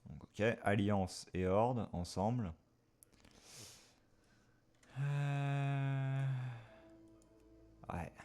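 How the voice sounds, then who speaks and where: A man's voice: medium pitch, animated, extremely slow, pauses often, mellow, soft background music. A man giving casual live reaction commentary as a gaming streamer, hesitant and rambling as he thinks aloud.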